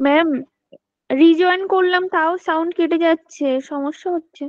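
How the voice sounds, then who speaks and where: A woman student speaks up in an online class with a very high voice. She is polite as she reports a problem. The call audio sounds dry and dull. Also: steady tone, moderate pace, dry recording.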